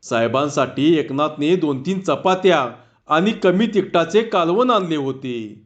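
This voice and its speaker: Male storyteller reading a village tale, fairly high voice, very slow, dull lo-fi sound. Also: animated.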